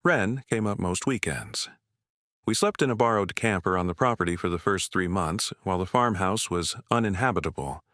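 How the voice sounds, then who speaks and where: A man narrating a first-person story in a measured, unhurried way. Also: deep voice, a bit bright, no room sound, studio quality.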